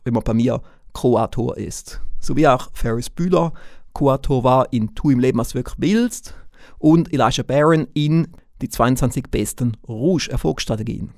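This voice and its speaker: Male business podcaster, higher-pitched, dry close sound. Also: a little mellow, no echo. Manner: deliberate short phrases, emphatic repetition, formal address. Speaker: podcast host, business coach. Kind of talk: podcast monologue.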